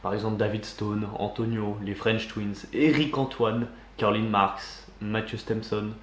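A man co-hosting a casual magic news show, presenting items in a steady, informative way. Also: lowish voice, a little slow, reverberant. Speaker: co-host.

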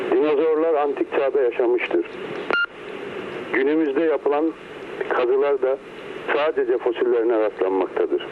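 A man making a measured, formal statement over the phone. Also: mid-range voice. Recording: noisy, muffled phone line.

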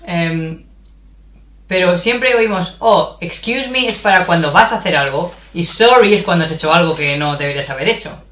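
A woman's voice: on the low side, moderate pace, fairly bright tone. A woman from Spain with a Spanish accent, co-hosting a bilingual casual chat and asking curious questions. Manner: curious, asks questions, laughs easily. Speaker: co-host, language learner. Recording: echoey room.

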